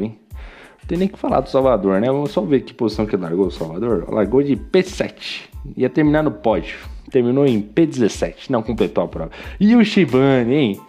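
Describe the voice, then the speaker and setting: A Brazilian man hosts a podcast and talks through race results in a loose, teasing way, calling out to each driver by name. His voice is mellow and warm, at an ordinary pitch for a man. Faint music plays underneath him. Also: breathy edge. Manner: teasing, chatty, addresses drivers directly. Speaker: podcast host recapping a sim racing league. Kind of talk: casual joking race recap.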